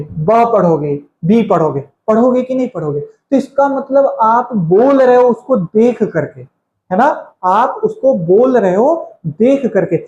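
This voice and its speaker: A man's voice: extremely high pitch, darkish tone, slight background noise. A man teaching a grammar lesson, calling his students kids, repeating each point and quizzing them. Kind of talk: classroom lecture. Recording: echoey room.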